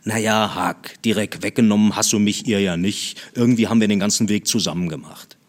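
A man reading aloud, voicing a calm, thoughtful grown man who is a runaway. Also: fairly low pitch, fairly quick, lightly acted. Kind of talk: audiobook reading.

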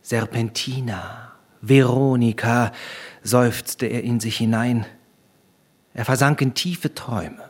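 A man reading a classic story aloud, slow and expressive, rising to excited peaks. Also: mid-range voice, breathy edge. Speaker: audiobook reader. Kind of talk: dramatic literary reading.

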